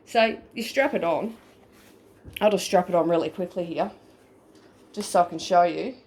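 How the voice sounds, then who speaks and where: A woman's voice: on the low side, normal speed, darkish tone, slight background noise. A woman, a paranormal investigator, explaining a gadget step by step in a casual video recorded on her phone, often checking in with "okay?". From Australia. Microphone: phone, front camera.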